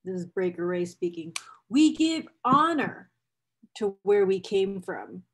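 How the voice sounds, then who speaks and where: Very animated but measured in pace, a woman with a mid-range voice presents a book excerpt aloud. She speaks with enthusiasm and emotional investment, repeats phrases for emphasis, and tosses in casual asides to viewers.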